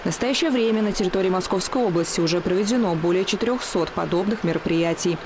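A woman's voice: lowish voice, fast, background noise. A woman reading a scripted TV news report.

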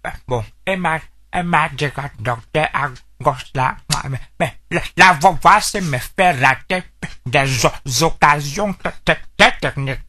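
Man doing a stuttering young guy, slow talker, bright tone. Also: fairly high pitch. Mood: pleading. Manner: heavy stutter, repeats syllables. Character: stammering young man seeking a cure. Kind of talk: comedy sketch acting.

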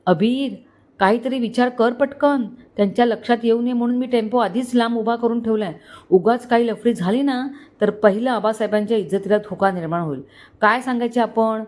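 A panicky young tempo driver, as a woman reading the story puts him on, rushing his words with worry. His voice rises a little when he frets. It is read in an audio storybook. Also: fairly high pitch, darkish tone, natural voice. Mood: anxious. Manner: flustered, hurried. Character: anxious young man driving a tempo.

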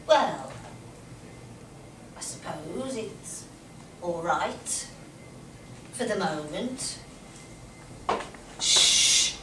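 A woman's voice: on the low side, animated, drawn-out words, pauses often. An older woman playing a confused, childlike, querulous elderly mother in a staged play reading. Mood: furtive, fretful. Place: small indoor stage. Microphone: far camera. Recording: echoey small theatre, distant mic, noisy.

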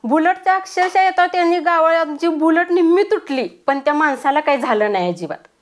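A middle-aged woman telling a personal devotional testimony, plain storytelling with pauses and restarts. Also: extremely high pitch, lively intonation.

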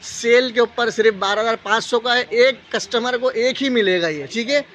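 A man with a Pakistani accent giving a casual, unscripted live sales pitch as a shop salesman, repeating prices and tag phrases. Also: normal speed, fairly bright tone. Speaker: shop salesman hosting a live sale video. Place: indoor appliance store, walking the aisles. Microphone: handheld phone. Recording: dull lo-fi phone audio, shop noise.

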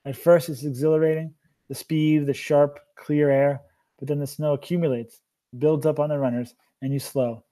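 A man voicing a tired old man who is a burdened mentor, speaking slowly and earnestly. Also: fairly high pitch, flat delivery, warm tone, natural voice. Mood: weary.

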